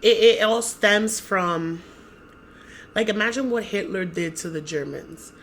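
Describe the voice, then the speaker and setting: A woman's voice: mid-range voice, unhurried, slight background noise. A young woman, co-hosting a podcast in a casual, profane, emphatic chat. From Dominican-American, raised in the United States. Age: young adult. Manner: animated, profane, talks with emphasis and repeats herself. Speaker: podcast co-host.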